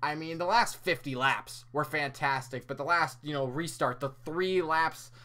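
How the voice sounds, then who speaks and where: A young man giving an excited, breathless post-race review for his channel, exclaiming and restarting his sentences as he catches his breath. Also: fairly high pitch, normal speed. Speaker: YouTube motorsport reviewer.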